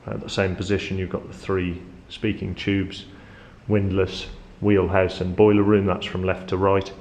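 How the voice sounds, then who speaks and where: A man's voice: deep voice, flat delivery, moderate pace, darkish tone. A man acting as tour guide, explaining machinery in an informal, unscripted way inside a ship's engine room. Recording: echoey metal room, background hum.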